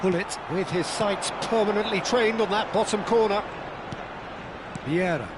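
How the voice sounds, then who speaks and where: A man playing a keen football commentator in a video game, calling play-by-play in excitable, clipped phrases. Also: high voice, noisy background. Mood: engaged.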